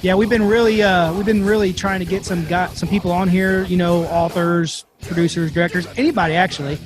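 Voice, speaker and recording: Podcast host, high-pitched man, hesitant filler-heavy delivery, faint music bed. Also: fairly even intonation. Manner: halting, many fillers. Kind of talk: casual podcast chat.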